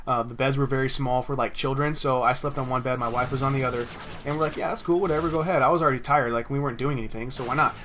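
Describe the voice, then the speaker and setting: A young gaming commentator tells a personal story while remarking on his gameplay, his medium-pitched voice flat, fast, and sharp-toned. He rambles, swears, and restarts often, with slight background noise.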